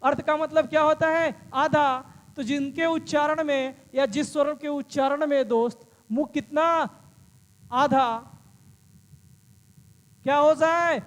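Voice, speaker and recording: High-voiced man teaching with lots of repetition. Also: long reverb tail. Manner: repeats questions and answers them himself; calls students "friend". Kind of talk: exam-prep lesson.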